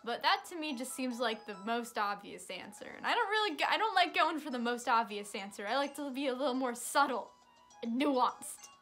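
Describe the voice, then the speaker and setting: A woman's voice: high-pitched, expressive, brisk, a bit bright, faint music behind. A young woman giving casual, chatty commentary while playing a video game, with sarcastic asides. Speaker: let's play streamer.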